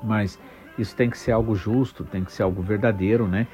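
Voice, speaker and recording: A man praying and then preaching, unhurried, with frequent pauses and fillers. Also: fairly low pitch, steady tone, darkish tone, faint music behind. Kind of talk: prayer and sermon.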